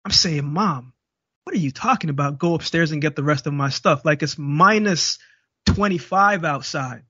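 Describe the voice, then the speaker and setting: A man's voice: fairly high pitch, pushed and bright, no echo, muffled recording. A young man from Jamaica, a guest speaker, telling his life story and acting out the dialogue. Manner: vivid storyteller, acts out dialogue. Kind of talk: storytelling interview.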